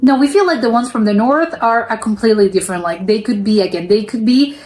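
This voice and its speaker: A woman's voice: fairly high pitch, quick pace, a little mellow. An American woman hosting a reaction video, thinking aloud in casual commentary full of fillers and restarts. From United States.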